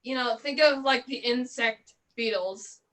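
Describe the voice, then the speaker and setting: Casting: woman doing a high, bright, slow clown voice, goofy and teasing, muffled lo-fi sound.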